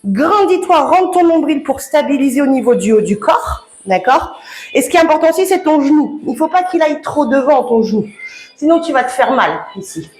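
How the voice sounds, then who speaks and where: A woman's voice: high voice, lively intonation, brisk, darkish tone. A woman coaching a home workout, chatty and encouraging, laughing often and slightly out of breath. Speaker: fitness coach. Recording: echoey room with background music.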